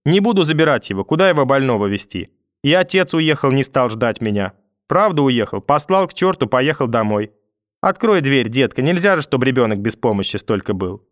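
A man's voice: mid-range voice, sing-song, brisk, no echo, clean studio sound, close to an everyday voice. A man voicing a hysterical, manipulative old grandmother who wails, pleads and curses through a door in an audiobook reading. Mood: pleading threatening. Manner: wailing, pleading then cursing through a door.

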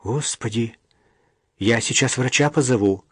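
A man's voice: medium pitch, unhurried, a bit bright, husky, no echo, clean studio sound. A man voicing a caring young woman who is worried and insistent, in an audiobook reading. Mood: alarmed. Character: caring young woman, anxious then bossy.

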